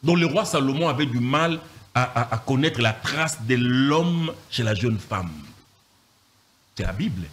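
A man, a pastor teaching from the Bible in an animated, emphatic way, repeating phrases and firing rhetorical questions. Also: medium pitch, unhurried.

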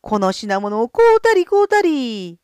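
A woman plays a greedy peddler who calls to crowds in a high, fawning, lively voice, all sales pitch and flattery. The recording is dry and close. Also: unhurried, no echo, full character voice. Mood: hawking. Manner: shrill, fawning, hawker's calls.

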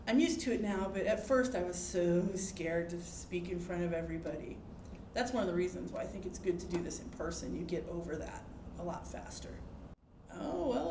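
A woman's voice: medium pitch, darkish tone. Woman answering in an echoey classroom. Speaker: teacher education student. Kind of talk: interview answers. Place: classroom, indoors. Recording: echoey classroom with light noise.

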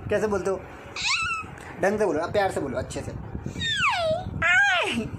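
Speaking fast in a high voice with lively intonation, a young man records a casual vlog inside his family home. He chats playfully with a small child, coaxing them along, and the home recording is noisy.

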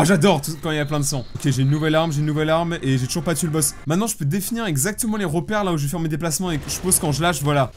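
A young man commentating his own game playthrough in a joking, self-mocking way, with sudden loud outbursts. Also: fairly high pitch, slight background noise. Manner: animated, self-mocking, bursts of shouting. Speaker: gaming YouTuber. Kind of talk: joking let's play commentary. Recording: faint background music.

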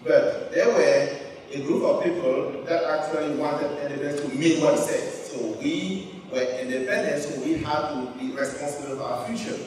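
A middle-aged man from Cameroon tells his life story to a student audience, holding a handheld mic on a large auditorium stage. His voice sits a little high. The sound rings through a big hall and comes from some distance. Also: moderate pace. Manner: storytelling, animated gestures. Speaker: keynote speaker. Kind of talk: motivational speech to students. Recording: echoey hall, picked up from far.

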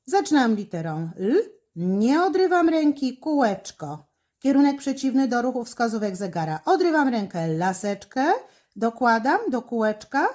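A middle-aged woman teacher explains a handwriting exercise stroke by stroke. Her voice sits a little high and moves up and down a lot as she guides young pupils. She talks slowly and carefully, with small fillers between steps. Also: big pitch swings, darkish tone. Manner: slow, careful, instructive, with fillers. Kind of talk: handwriting lesson with step-by-step commentary.

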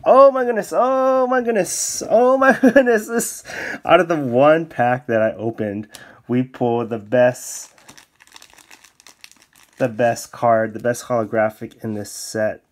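Male YouTuber, unhurried casual unboxing chat, yelps when thrilled. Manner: excitable, bursts into high exclamations. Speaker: card-opening YouTuber. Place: indoors at a desk, off camera.

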